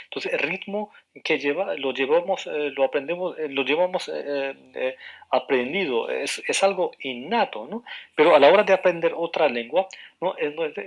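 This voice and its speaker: A man giving a university lecture over the radio, explaining slowly with frequent hesitations, repeated words and questioning tags. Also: a little high, vocal fry.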